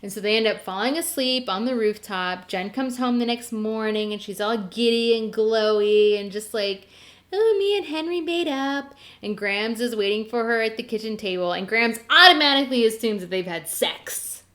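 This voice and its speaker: A woman's voice: medium pitch, fairly even intonation, normal speed, few pauses, a bit bright. A woman hosting a podcast, chatting casually as she recaps episodes, with lots of "like" and "or whatever". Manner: chatty and conversational, full of 'like' and 'or whatever'. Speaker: podcast host. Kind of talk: casual chat recapping a teen drama.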